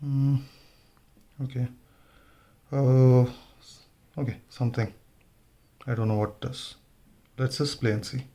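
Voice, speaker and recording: Here the motovlogger's medium-pitched voice is dark in tone and fairly even in intonation, with slow delivery and long pauses. He narrates a casual gear-installation tutorial, thinking aloud as he works with his hands.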